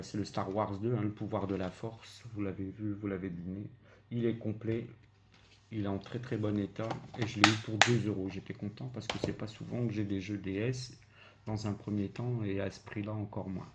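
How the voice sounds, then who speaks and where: Hesitant Belgian man chatting over noise. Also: fairly low pitch. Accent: Belgian French. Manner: hesitant, many filler sounds, cheerful. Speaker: video game collector showing flea market finds. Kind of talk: casual vlog commentary. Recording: dull lo-fi home recording with noise.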